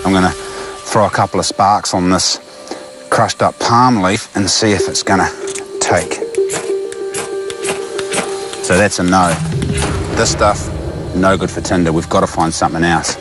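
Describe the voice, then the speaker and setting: Male, broad Kiwi accent, lowish voice, blokey survival presenter, loud music and engine noise behind. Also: steady tone, moderate pace. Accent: broad New Zealand. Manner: blokey, slangy. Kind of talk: casual commentary while working outdoors. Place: outdoors in tropical wetlands and on boats.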